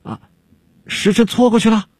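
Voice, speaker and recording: A man voicing an anxious, timid male court alchemist, fretful and pleading, his voice jumping high in alarm. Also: sing-song, moderate pace, darkish tone, husky, no room sound, studio quality.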